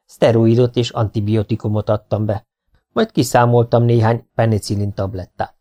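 A man reading a story aloud as an audiobook narrator, with a steady, even storytelling delivery. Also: lowish voice. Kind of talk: scripted narration.

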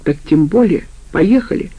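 A woman's voice: fairly low pitch, expressive, moderate pace, husky, dry recording, muffled recording. A woman voicing a brutal, threatening male ex-convict in an audiobook, speaking in a harsh, blunt way. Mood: demanding.

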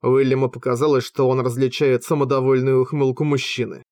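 Male audiobook narrator, mid-pitched, steady and measured, dry close home recording. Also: dry recording. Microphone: close microphone, home recording.

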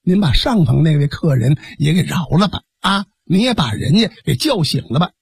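A man voicing a gentle young daughter who implores her mother, speaking. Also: fairly high pitch, big pitch swings, normal speed, vocal fry, slightly rough, dry recording, studio quality, voice pushed down, heavily acted. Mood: pleading.

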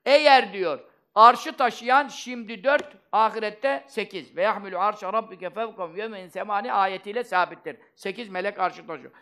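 A man in middle age delivers a sermon with fervent emphasis, breaking into recited Arabic verses. His voice sits high and rings clear and smooth. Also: moderate pace, sharp tone. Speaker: preacher.

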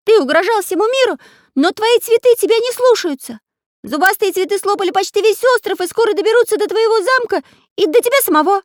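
A woman voicing a cheeky, excitable magic pencil artist in a children's audiobook, in a shrill, excited manner. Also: a little fast, no room sound, studio quality. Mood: indignant.

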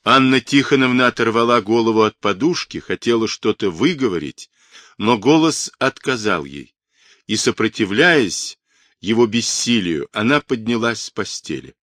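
Male audiobook narrator, low voice, dry close sound, measured dramatic reading. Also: animated, no room sound. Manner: measured, dramatic reading that rises for quoted shouts. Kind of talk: scripted literary narration.

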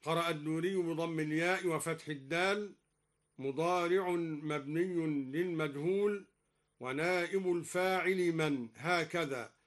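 A man giving a radio lecture on Quran readings, explaining each variant in a measured way and chanting the verses. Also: a little high, a bit bright. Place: radio studio.

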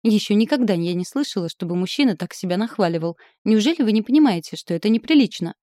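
A woman's voice: medium pitch, animated, fast, warm tone, no room sound, lightly acted. A woman reading the lines of a flustered, indignant young noblewoman, raising her voice above her narration. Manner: pleading, then sharply indignant. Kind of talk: audiobook character reading.

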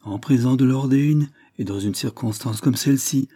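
Un homme lit le rôle d'un gentilhomme doux et compatissant, dans un roman. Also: male voice, medium pitch, normal speed, voice pushed up, lightly acted. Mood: tender. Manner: soft, tender sympathy. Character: tender, sympathetic gentleman suitor.

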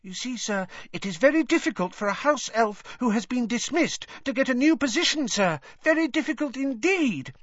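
An audiobook narrator voicing an excitable male house elf, squeaky and shrill, eager and servile, speaking of himself in the third person. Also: normal speed, hardly any pauses, dry recording, muffled recording, close to an everyday voice. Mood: earnest. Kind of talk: audiobook character voice.

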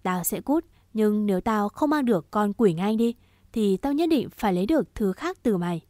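Một người phụ nữ đọc giọng một gã trai trẻ thủ đoạn, nói giọng khiêu khích, chế giễu và hay chửi thề. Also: female voice, medium pitch, animated, normal speed, warm tone, no echo, clean studio sound, close to an everyday voice. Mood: taunting. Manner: mocking, swearing, provocative. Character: crude scheming young man, taunting and foul-mouthed.

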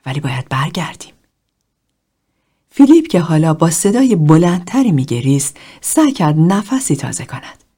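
A woman narrating a novel as an audiobook, measured and expressive, sometimes dropping to a hush. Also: fairly low pitch, slightly rough.

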